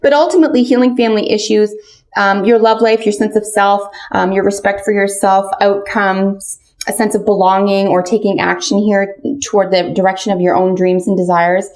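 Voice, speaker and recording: Woman, medium pitch, fortune teller manner, casual tarot card reading, speaks directly to the listener. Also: level tone, normal speed, darkish tone. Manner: fortune teller, addressing the listener directly with pointed questions and cautions. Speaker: tarot reader.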